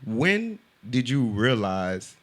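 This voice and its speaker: A man's voice: mid-range voice, very animated, takes it slowly. An American man interviewing in a casual, slangy way, feeling his way into questions.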